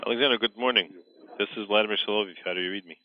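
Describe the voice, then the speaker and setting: Guy on a crackly thin mission radio loop, lowish voice, halting control calls with lots of uhs. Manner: halting, with frequent fillers. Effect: tinny mission radio loop. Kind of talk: space-to-ground radio calls. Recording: narrow-band radio line.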